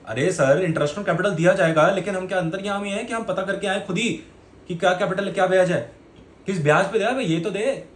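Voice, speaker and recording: A man's voice: high voice, a little fast, natural voice. A man voicing a curious teenage student who keeps pleading with his teacher and calling him sir. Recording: echoey room.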